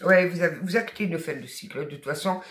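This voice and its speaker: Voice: medium pitch, fast talker, a bit bright, echoey room. Emphatic tarot reader with a Southern French accent. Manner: emphatic, colloquial, encouraging, blunt asides. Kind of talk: spoken tarot guidance reading.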